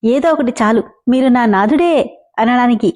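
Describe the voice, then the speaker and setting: A woman's voice: fairly high pitch, moderate pace, a little mellow, close to an everyday voice. A woman voicing a playful, dramatic young woman who talks in theatrical, old-fashioned formal speech. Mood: theatrical, pleading.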